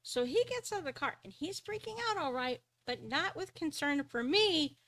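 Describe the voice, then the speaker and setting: A woman's voice: sits high, animated, normal speed, a bit bright. A woman hosting a live stream, earnestly telling a personal story, often chuckling and restarting her sentences.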